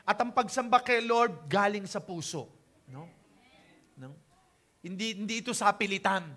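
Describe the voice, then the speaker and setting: An older pastor from the Philippines delivers a conversational sermon, chatty and informal, and keeps checking in with his congregation. His voice sits high for a man. It has a bright, forward edge. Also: animated, unhurried.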